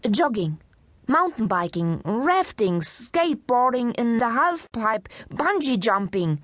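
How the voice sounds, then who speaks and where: A woman's voice: on the high side, big pitch swings, takes it slowly, dry recording, pitched above the performer's own voice, heavily acted. A woman voicing a slim, earnest female doctor who eagerly reels off lists, in a children's audiobook. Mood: listing eagerly.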